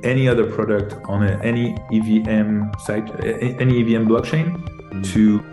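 A middle-aged man from France with a French accent, answering interview questions with many pauses and restarts. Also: lowish voice, over music. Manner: hesitant, many ums and restarts. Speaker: guest, tech executive. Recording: roomy echo.

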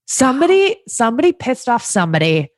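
A young adult woman co-hosting a podcast, chatting excitedly and full of likes. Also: medium pitch, normal speed, no echo, clean studio sound. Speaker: podcast co-host. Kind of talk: casual chat.

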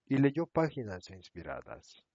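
A man narrating a religious parable in a slow, expressive storytelling manner. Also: medium pitch, breathy edge, no echo. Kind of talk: reading a religious parable aloud. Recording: dull, dry lo-fi recording.

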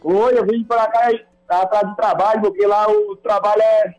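Male caller, Ceará Northeastern Brazilian accent, high-pitched, informal, muffled phone line. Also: fairly even intonation, normal speed, darkish tone, faint music behind. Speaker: radio show caller. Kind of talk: casual chat.

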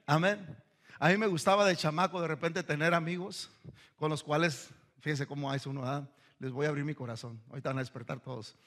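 A male pastor gives a fervent sermon in a high voice that rings bright and forceful. He works in anecdotes and laughs from time to time.

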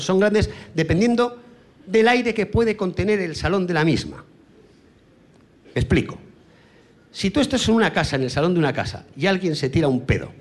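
A man from Spain doing a crude stand-up comedy monologue on stage, with brash punchlines and sudden shouted sound effects. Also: fairly high pitch.

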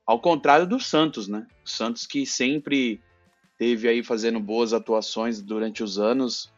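A man with a mid-pitched voice chats casually as a football podcast panelist. He is slangy and repeats himself, on a slightly dull recording with faint music. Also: measured pace.

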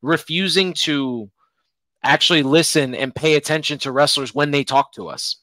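A man's voice: a little high, normal speed, bright, forceful tone, no room sound. A man hosting a podcast, talking emphatically with many fillers as he leads into a question. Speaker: podcast host. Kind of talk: casual interview chat. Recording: dry close sound.

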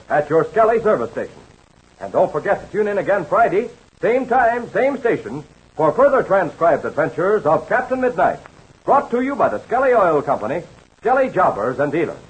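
An American man works as an old radio announcer, narrating and pitching to young listeners. His voice is fairly high and swings widely in pitch. It has a very husky grain and an emphatic push. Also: low-quality recording.

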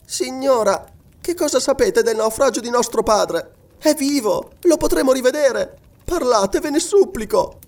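A man's voice: very high-pitched, animated, unhurried, a little mellow, pitched above the performer's own voice, heavily acted. A man voicing an anxious young girl who pleads tearfully for news of her father, in an audiobook. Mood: pleading. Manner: tearful, imploring. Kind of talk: audiobook reading.

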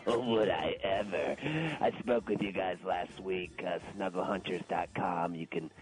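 A man putting on a raspy, coughing middle-aged woman caller, brash and flirty. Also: deep voice, steady tone, a little slow, poor audio. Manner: crude, brazen, flirtatious. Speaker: prank caller in character.

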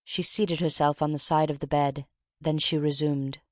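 A steady, even narrator reading a classic story as an audiobook. The voice sits at a middle pitch, and the recording is close and dry, with no room sound. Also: moderate pace, no echo. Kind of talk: scripted narration.

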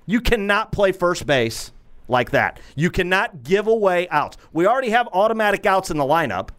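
A man's voice: sits high, moderate pace. A man co-hosting a sports talk show, fed up and ranting, hammering his points by repeating them. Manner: animated, fed up, repeats himself for emphasis. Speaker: podcast co-host.

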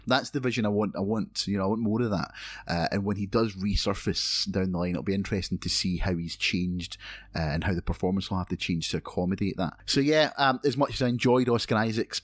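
A man's voice: low voice, breathy edge, dry recording. A man hosting a podcast, chatting casually and leading the discussion with frequent fillers. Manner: relaxed, chatty, hesitant fillers. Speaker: podcast host.

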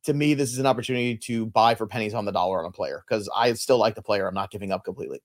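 A man's voice: fairly low pitch, rapid-fire. A man co-hosting a fantasy baseball podcast, talking in a conversational, analytical and joking way. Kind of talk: casual chat.

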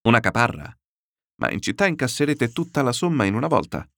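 Scheming fussy gentleman in a storybook reading, lively wheedling delivery, dry sound, played by a male reader. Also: medium pitch, brisk, no room sound, pitched above the performer's own voice. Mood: evasive.

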